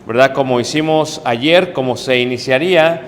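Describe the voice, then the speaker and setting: A man's voice: mid-range voice, normal speed, big-room sound, slight background noise. A man teaching a church class, explaining worship songs and leading the group to sing and chant phrases after him. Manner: leads a class in call-and-response chanting and singing. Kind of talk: classroom teaching with sung practice.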